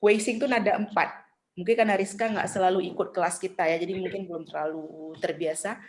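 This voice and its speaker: A middle-aged woman teaching Mandarin in an online class, chatty and patient, saying tones slowly for students to copy. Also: fairly low pitch, steady tone, slight background noise.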